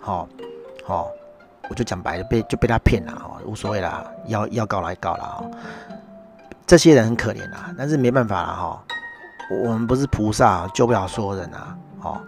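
A man's voice: lowish voice, normal speed, music in the background. A middle-aged man with a Taiwanese Mandarin accent, hosting a casual monologue and ranting with sarcastic, mocking asides. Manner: sarcastic, mocking rant with constant tag particles. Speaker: podcast host.

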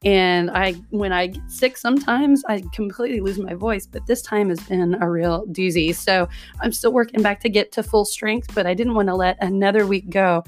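A woman in her forties hosting her own podcast, chatting casually and directly to her listeners with a hoarse, scratchy voice from a recent illness. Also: mid-range voice. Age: 40s. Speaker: podcast host. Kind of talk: casual solo podcast monologue.

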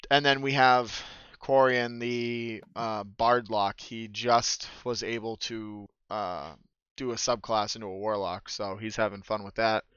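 Male game master recapping a session casually, rambling and profane, with a clear, smooth voice and slightly muffled sound. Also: lowish voice, little pitch movement, measured pace, fairly bright tone, dry recording. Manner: rambling, swears freely, fillers. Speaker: dungeon master. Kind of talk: casual storytelling chat.

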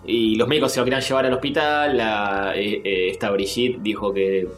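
A man's voice: on the low side, normal speed. Rioplatense man telling a story, roomy sound. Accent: Rioplatense Spanish. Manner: animated anecdote-telling with acted quotes. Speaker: podcast co-host. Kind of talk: casual storytelling chat.

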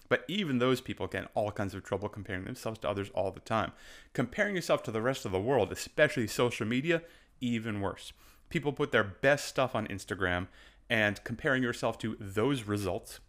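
A man's voice: medium pitch, fairly bright tone. Casting note: male fitness coach with a mid-range voice, emphatic motivational delivery. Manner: passionate, emphatic, repeats for stress; moves about while talking. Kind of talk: motivational talk to camera.

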